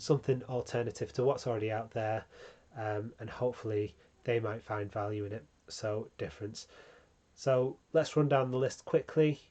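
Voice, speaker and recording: A man hosting a branding tutorial, talking casually with frequent ums and small restarts. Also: mid-range voice. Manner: relaxed, many ums, self-correcting. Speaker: channel host teaching branding.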